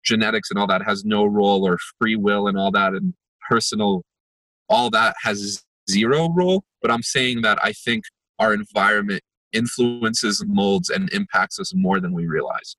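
A fairly low-pitched young man speaks at a moderate pace, his delivery pushed and bright, in a dry recording with poor audio. As a podcast guest and empathy workshop facilitator, born in Israel and raised in New Jersey and New York, he reflects through a conversational interview marked by many fillers and restarts.

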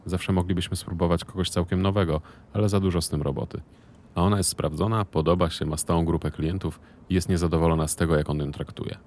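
A man voicing a cocky, short-tempered male business partner who talks loudly and mockingly and swears. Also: sits low, steady tone, fast, slight background noise, lightly acted.

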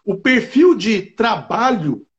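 A man's voice: high voice, slow pace, highs cut off. A middle-aged man from Brazil, a state attorney, telling a personal story in an interview, often adding "né". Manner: animated, fills with "né" often.

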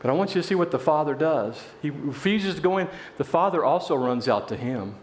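A man preaching a sermon in a church, telling a parable with animated voices for its characters. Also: a little high, fairly quick, echoey room, slight background noise. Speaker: pastor.

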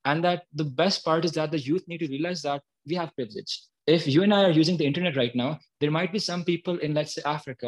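He's an early-20s man from Pakistan, a guest activist whose voice sits on the high side. Captured on a rough recording, he speaks spontaneously and earnestly in the interview, explaining his position.

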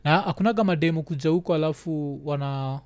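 A man's voice: fairly high pitch, quick pace, no echo. A man with a Kenyan accent hosting a casual chat, mixing English with Swahili slang. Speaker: host asking questions.

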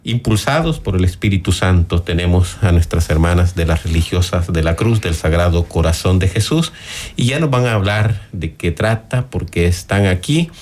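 Devout man hosting a radio interview. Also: fairly low pitch. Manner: warm, devout, fond of church phrases. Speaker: radio host.

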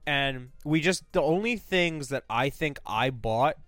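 A man's voice: a little high, expressive, unhurried, a bit bright, no echo, soft background music. A young man co-hosting a podcast in casual chat, telling rambling stories full of "like" and "dude" and swearing freely. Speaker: podcast co-host.

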